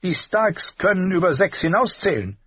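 A man voicing a sardonic, sharp-tongued male noble in a storybook reading, raised high above his own voice, on a dull dry recording. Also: very animated, moderate pace, breathy edge, no room sound, full character voice. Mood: mocking stern. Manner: cutting, scolding.

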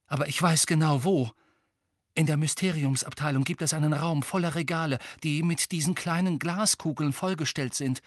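Dude doing a panicky teen boy yelling at his friends, urgent. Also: a little high, fairly even intonation, normal speed, no room sound, studio quality, pitched above the performer's own voice, close to an everyday voice. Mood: desperate. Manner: urgent, loud outbursts. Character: frantic teenage boy wizard, desperate and shouting.

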